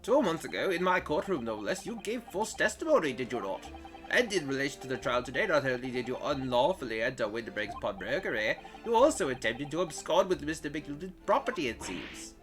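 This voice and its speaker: A man voicing a stern older male judge in a courtroom video game, speaking formally and gravely. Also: mid-range voice, sing-song, fairly quick, fairly bright tone, faint music behind.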